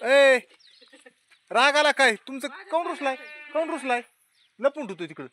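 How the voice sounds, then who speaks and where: Man, bright tone, casual vlog, coaxing a child. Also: very high voice, lively intonation, moderate pace, a little hiss or hum. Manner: scolding and coaxing a small child. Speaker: vlogger. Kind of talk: casual family vlog chatter.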